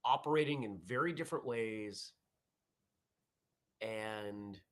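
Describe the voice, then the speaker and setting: Speaking low and taking his time, a man chats loosely with viewers on his martial arts morning live stream. His talk wanders, he keeps restarting and correcting his sentences, and he reads their comments aloud.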